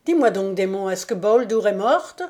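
A woman's voice: mid-range voice, lively intonation, moderate pace, warm tone, lightly acted. A woman doing an earnest, anxious young knight.

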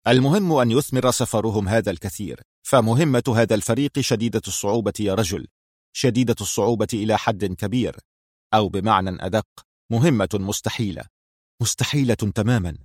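A commanding male intelligence chief speaks with sharp authority, as a narrator puts him on. His voice is firm and brisk. The recording is dry and close. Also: lowish voice, dry recording, natural voice.

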